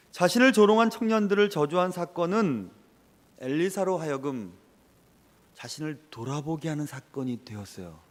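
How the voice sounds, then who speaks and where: Male pastor, sermon, storytelling, lively pitch, fairly high voice, long hall reverb. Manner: animated storytelling, dropping to a whisper at times.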